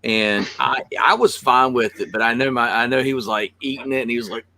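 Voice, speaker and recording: A man co-hosting a casual podcast, an animated storyteller who laughs often. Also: medium pitch, fairly quick, slight background noise. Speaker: podcast co-host.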